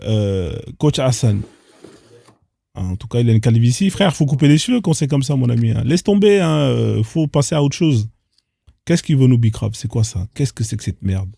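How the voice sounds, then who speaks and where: A man's voice: medium pitch, animated, moderate pace, vocal fry, warm tone, no room sound. A man hosting casual reaction commentary on odd internet clips, incredulous and firing off rhetorical questions in street slang. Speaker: host reacting to social media clips.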